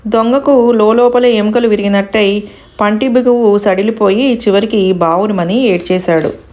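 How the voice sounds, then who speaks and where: A woman narrating a devotional story in a steady, expressive reading voice. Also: mid-range voice, moderate pace.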